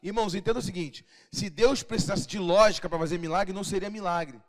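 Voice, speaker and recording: A Brazilian pastor preaching a sermon in church, emphatic, telling stories and acting out the voices of the people in them. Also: male voice, high-pitched, brisk. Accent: Brazilian Portuguese. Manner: emphatic, acts out quoted voices in storytelling.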